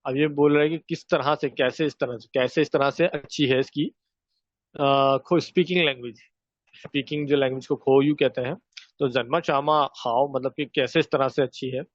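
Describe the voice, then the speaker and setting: A man teaching a recorded Chinese lesson, explaining sentences step by step and repeating Chinese phrases slowly. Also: medium pitch, steady tone, dry recording. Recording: dull, dry lo-fi recording.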